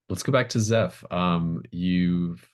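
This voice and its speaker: A game master voices a tabletop roleplaying scene in an extremely low register. He improvises thoughtfully, and his descriptions arrive haltingly while he assembles each picture.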